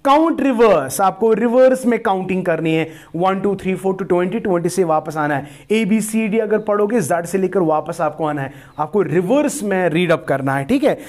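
A man's voice: high voice, darkish tone. A man teaching a class, explaining step by step, asking and answering his own questions, and turning many sentences into rising checks with his students. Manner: explains slowly, addresses students as "beta". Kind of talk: classroom lecture.

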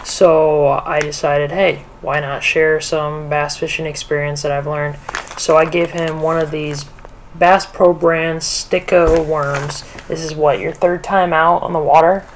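A man's voice: fairly high pitch, flat delivery, unhurried, slight background noise. A young man hosting a casual fishing vlog, talking straight to viewers on an action camera. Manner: enthusiastic, addresses viewers directly. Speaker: fishing vlogger. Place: indoor den, then outdoors on a farm pond.

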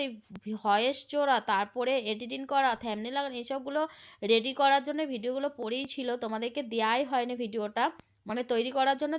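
A woman chatting to her viewers in a casual family vlog, a little hoarse from a cold. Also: a little high. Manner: chatty, addresses viewers as friends. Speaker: family vlogger.

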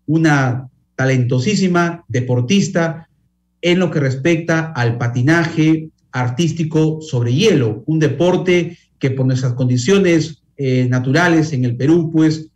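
A middle-aged man anchoring a live television news interview. His voice sits a little high for a man, and his delivery is formal and polished, in the manner of a studio presenter. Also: takes it slowly, darkish tone.

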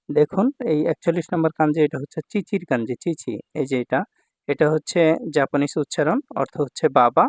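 A man's voice: fairly high pitch, no echo. A male Japanese language teacher explaining kanji patiently, repeating words and often checking that students follow. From Bangladesh.

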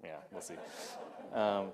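Speaking in a mid-range voice with a darkish tone, a pastor in his thirties offers a casual sermon from a church sanctuary. He's chatty, peppers his talk with "like" and "um," and drops in laughing asides.

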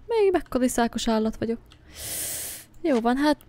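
A woman commentating her own horror game play in a slightly high voice. She is jumpy and swears, and she talks to the things on screen as she goes. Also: lively intonation, dark tone. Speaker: gaming channel host.

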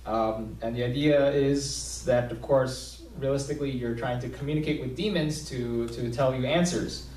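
A man's voice: mid-range voice, moderate pace, a little mellow, a little hiss or hum. A young man preaching a sermon in a small church hall, talking conversationally with many fillers and restarts. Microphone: podium mic, filmed from a far camera. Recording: roomy hall sound from far off.

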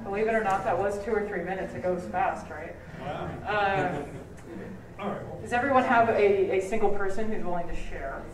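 A woman's voice: medium pitch, moderate pace, far from the mic, crowd noise. Conversational woman pastor in an echoey church. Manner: conversational, asks the congregation questions. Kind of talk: sermon. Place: church sanctuary, at a pulpit. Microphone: pulpit mic on a stand.

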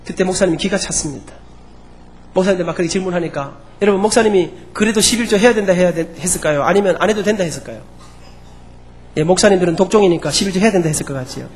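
Brief: high, quick Gyeongsang-accented church elder, an animated storyteller in a testimony sermon. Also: male voice, a little hiss or hum. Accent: Gyeongsang Korean. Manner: animated storyteller who acts out the people in his story.

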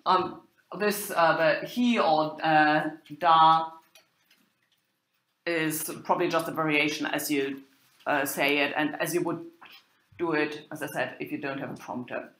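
Speaking slowly and haltingly with many pauses, a German-accented woman gives an informal university lecture on medieval German literature with quoted text. Her voice is deep and a bit bright with fairly even intonation, and the sound is roomy and echoing.

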